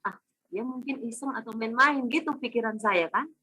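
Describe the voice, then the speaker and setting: A woman recounts a family episode in casual, animated speech, slipping into the voices of her children. Her tone is slightly husky. The sound is dry and close, as on a video call. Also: fairly high pitch, normal speed, no room sound, poor audio. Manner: animated, acts out family dialogue. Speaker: testimonial speaker. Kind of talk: casual storytelling testimony.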